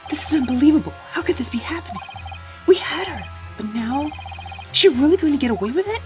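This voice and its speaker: A woman's voice: high-pitched, expressive, fast, darkish tone, faint music behind, pitched above the performer's own voice. Woman voicing an earnest young defense lawyer. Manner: stammering, urgent protests. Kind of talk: fan voice dub of a game.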